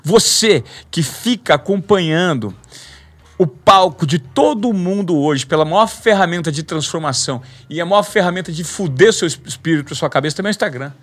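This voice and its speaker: A man's voice: fairly high pitch, animated, moderate pace, a bit bright. A man hosting a podcast interview, chiming in eagerly with agreement and explaining points with examples. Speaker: podcast host. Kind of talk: interview chat.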